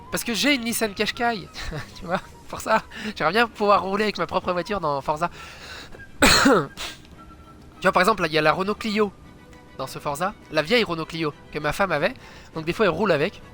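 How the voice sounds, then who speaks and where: A man giving chatty let's play commentary, swearing a lot and breaking into loud exclamations. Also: high-pitched. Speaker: gaming channel host.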